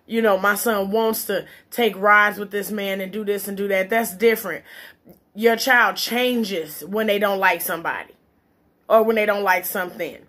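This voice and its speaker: A woman with a mid-pitched voice chats casually, as if to viewers over a meal. She is blunt and opinionated, leaning on her points and swearing freely. Her mouth is sometimes full as she talks. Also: fairly even intonation, normal speed, fairly bright tone. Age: adult, parent. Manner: eating while talking, mouth sometimes full. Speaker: vlogger giving relationship and parenting opinions. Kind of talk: casual chit-chat monologue.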